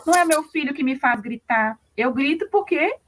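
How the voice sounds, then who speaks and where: A woman's voice: high voice, lively intonation, normal speed, slight background noise. Reflective woman hosting a parenting talk. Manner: reflective, explains with images, asks the guest. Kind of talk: casual conversational interview.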